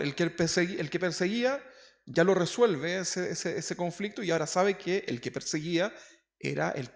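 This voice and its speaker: Pastor guy, gravelly voice, kinda high, long echo from the church hall. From Chile. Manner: conversational, asks the congregation questions. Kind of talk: sermon.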